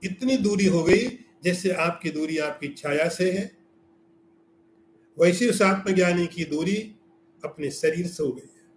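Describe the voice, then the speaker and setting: A man's voice: high-pitched, measured pace, echoey room, slight background noise. A man giving a scriptural lecture as a spiritual teacher, explaining with everyday examples and asking rhetorical questions.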